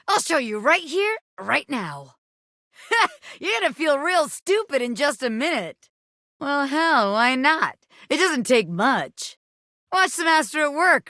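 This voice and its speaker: A brash, scrappy hairpin who dreams of being a crime boss for a video game. The voice is forceful and very animated, full of slangy, streetwise swagger. It is recorded close and dry. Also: female voice, on the high side, no echo, exaggerated voice. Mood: cocky showing off. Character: scrappy living bobby pin, brash wannabe crime boss with showbiz dreams. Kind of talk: video game character dialogue.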